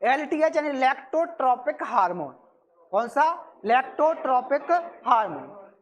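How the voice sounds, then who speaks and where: A woman teaching a coaching class, asking questions and answering them herself while repeating key terms. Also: a little high. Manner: repeats key terms, brisk and chatty with students. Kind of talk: classroom lecture for exam prep. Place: classroom with students.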